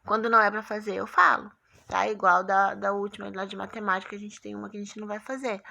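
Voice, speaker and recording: A woman's voice: medium pitch, little pitch movement, quick pace, gravelly, pushed and bright. A woman with a Brazilian Portuguese accent teaching a primary school class in a recorded remote lesson, patient and coaxing, checking in often with her pupils.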